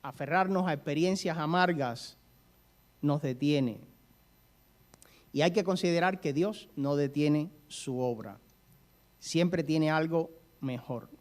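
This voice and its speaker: Male preacher, sermon delivery, storytelling, questions to the congregation, slightly high voice. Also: slow, pauses often, a little mellow.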